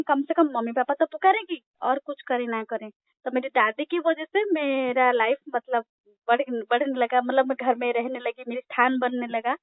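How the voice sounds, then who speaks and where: High-voiced woman from Odisha on a phone line. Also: no echo. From Odisha, India. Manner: storytelling, hesitant with fillers. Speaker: interview guest. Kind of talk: telephone interview. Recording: tinny phone line, dry.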